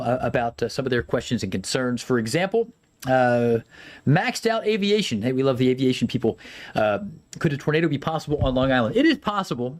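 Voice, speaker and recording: Covering severe weather live, this man, a meteorologist, keeps his tone chatty, his pitch rising and falling with energy and his speech packed with filler words.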